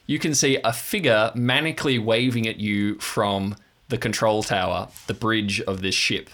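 A man improvising narration as a tabletop game master, halting as he searches for words. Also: lowish voice, steady tone, a bit bright.

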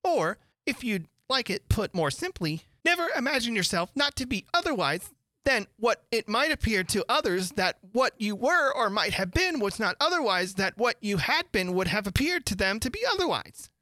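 A reader voicing a fussy old duchess who moralizes about everything, in a high sing-song way. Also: sing-song, normal speed, sharp tone, no room sound. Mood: preachy. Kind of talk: audiobook character voice.

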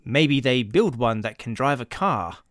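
A man's voice: mid-range voice, lively intonation, unhurried, fairly bright tone, no echo, clean studio sound. A man voicing a rich, short-tempered husband who barks orders impatiently. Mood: angry bullying. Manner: gruff, barking, impatient.

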